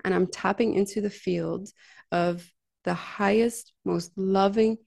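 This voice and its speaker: A woman's voice: medium pitch, fairly even intonation, measured pace, vocal fry, darkish tone. A woman with a middle-range voice speaks casually about her healing work. Her tone is earnest and heartfelt, and her talk is loose and chatty, full of "like" and "right?". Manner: chatty, frequent "like" and "right?" tags. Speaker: massage therapist and healer. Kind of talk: casual conversational storytelling.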